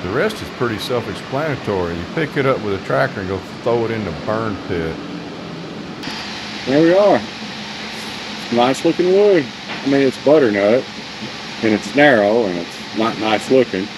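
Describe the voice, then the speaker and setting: A man's voice: medium pitch, expressive, normal speed, long pauses, background noise. An older man with a Southern US accent, a sawmill owner narrating his work video in a wry, grumbling, folksy way.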